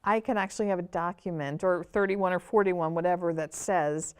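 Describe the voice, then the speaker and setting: A woman's voice: on the low side, a little fast, a little mellow, smooth. A woman hosting an interview, asking questions through hypothetical personal scenarios. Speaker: interview host. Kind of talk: conversational interview.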